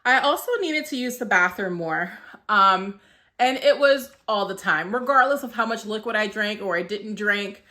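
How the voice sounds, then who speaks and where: Woman, 30s, vlogger. Bright tone, chatty and loose with fillers, slightly breathless. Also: mid-range voice, expressive, moderate pace. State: short of breath. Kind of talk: casual vlog talk to camera.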